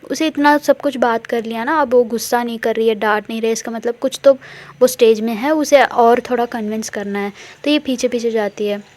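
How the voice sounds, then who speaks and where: Woman storyteller, chatty and repetitive, casual narration, slightly high voice. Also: darkish tone. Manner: chatty, repetitive, mixes English words.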